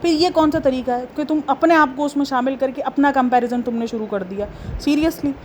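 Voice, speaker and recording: A woman with a high voice talks straight to her viewers in a casual commentary vlog. She scolds and fires off rhetorical questions in an exasperated tone. A faint hiss of noise sits under her voice. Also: fairly quick. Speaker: commentary vlogger, channel host.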